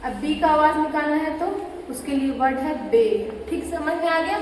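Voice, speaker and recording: A woman's voice: high-pitched, moderate pace, a little mellow, a little hiss or hum. A woman teaching an Urdu class in a school classroom, mixing Hindi and English and often checking that students understood. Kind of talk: classroom lesson. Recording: distant voice in echoey hall.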